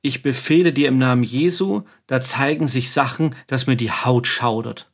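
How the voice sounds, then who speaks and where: A man's voice: mid-range voice, moderate pace, lightly acted. A man voicing a physician giving earnest, awed testimony about what he witnessed.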